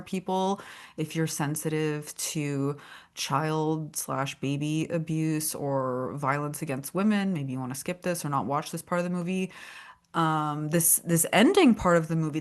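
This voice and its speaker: A woman hosts a casual interview in a fairly low voice. She talks in an earnest, emphatic way, weighing her words thoughtfully. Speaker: podcast host and therapist.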